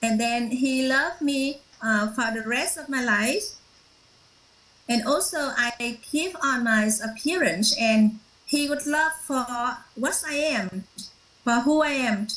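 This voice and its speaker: A woman whose first language is Vietnamese shares a personal story at a workshop, halting often with fillers and restarts. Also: high-pitched, fairly bright tone, echoey room, low-quality recording. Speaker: workshop participant.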